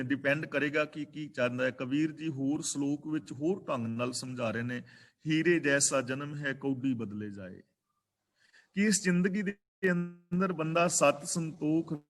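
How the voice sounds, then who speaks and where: A man teaching a scripture class, explaining verses in a measured way, slowing down to recite them and to spell out how they are pronounced. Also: fairly high pitch. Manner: explains pronunciation of scripture carefully. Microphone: online video meeting.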